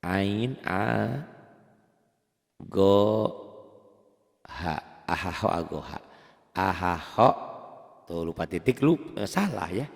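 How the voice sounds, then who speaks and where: An Indonesian man teaching a beginner tajwid lesson, who asks and answers his own questions and chants the Arabic examples slowly. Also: gravelly, in a large hall. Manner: explains plainly, then chants Arabic examples slowly in a high voice. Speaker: Quran recitation teacher.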